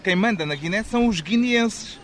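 A man, a reporter asking friendly, brisk questions in a street interview. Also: high-pitched, expressive. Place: busy outdoor market. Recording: loud market crowd behind.

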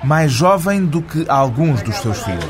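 A man reading a scripted documentary voice-over in a measured, descriptive way. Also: a little high, very animated, crowd noise. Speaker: reporter narrator. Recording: music bed under voice-over.

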